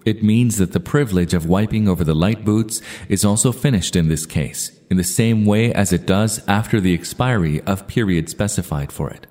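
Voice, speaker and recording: A man reads religious texts aloud in a measured, formal recitation and adds his own commentary. His voice sits low and sounds warm and dark. A long reverb trails each phrase. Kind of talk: scripted reading with commentary.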